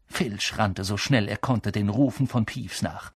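A man's voice: on the low side, measured pace, slightly rough, no echo, studio quality. A man reading a storybook aloud with dramatic, vivid narration. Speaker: audiobook narrator. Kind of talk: scripted narration.

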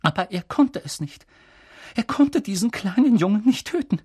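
A reader voicing a stern older female witch professor, high-pitched and urgent, with a husky edge. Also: very animated, normal speed, no room sound, clean studio sound. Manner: urgent, pressing, high and insistent.

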